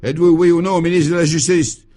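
A man's voice: fairly high pitch, brisk, a little mellow, natural voice. A man voicing an irascible, blustering male governor in a radio play, bellowing in sputtering tirades. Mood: furious. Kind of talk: 1950s radio play acting.

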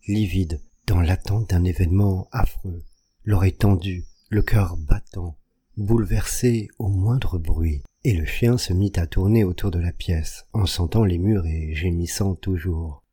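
A man reading a classic short story aloud as an audiobook in a measured, deliberate manner. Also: deep voice, mellow, husky. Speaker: audiobook reader. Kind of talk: literary audiobook narration.

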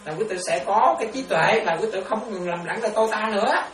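A Buddhist nun gives a lively dharma talk on meditation, speaking fast in a mid-range voice over crowd noise. She laughs frequently and keeps posing questions to check her listeners' understanding, recorded from a distance in an echoey, noisy room.

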